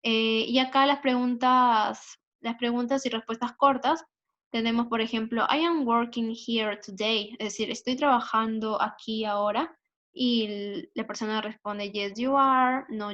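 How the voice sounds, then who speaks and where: A woman's voice: fairly high pitch, fairly even intonation, normal speed, pushed and bright. Patient Peruvian woman teaching English grammar. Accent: Peruvian Spanish. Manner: patient, many fillers and tag questions. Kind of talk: explaining grammar over slides. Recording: dull lo-fi recording.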